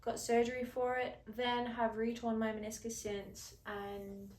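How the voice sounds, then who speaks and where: A young woman co-hosting a podcast in casual chat, talking in quick asides and laughing easily. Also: a little high, monotone, darkish tone. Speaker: podcast co-host. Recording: echoey room, voice distant from mic.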